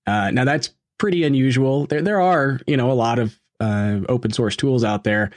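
A man hosting a podcast and interviewing a guest in a casual way. He talks with many fillers and quick asides. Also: mid-range voice, dry recording.

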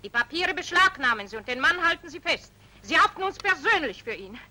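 A brisk, commanding woman. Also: high voice, big pitch swings, bright, forceful tone, full character voice. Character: brisk, impatient woman pushing things along. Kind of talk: 1940s film acting.

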